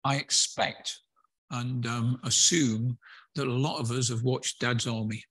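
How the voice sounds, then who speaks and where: A man's voice: medium pitch, fairly even intonation, measured pace, fairly bright tone, slightly rough, dry recording. A man preaching a conversational sermon in a church, with hesitant fillers and restarts. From England.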